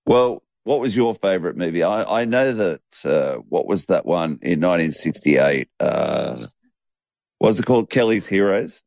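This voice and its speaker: Man with a very low voice, jokey rambler, a slightly dull dry studio recording. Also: animated, normal speed, vocal fry, darkish tone, no echo. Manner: jokey, rambling, repeats himself. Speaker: podcast co-host. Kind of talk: casual chat. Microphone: studio mic.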